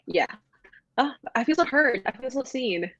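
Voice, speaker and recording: A woman's voice: high voice, lively intonation, normal speed, a bit bright, no room sound, lo-fi sound. A woman from Ecuador, a graphic designer, chatting as a guest on a video call in a talkative, enthusiastic way. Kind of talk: casual video-call chat.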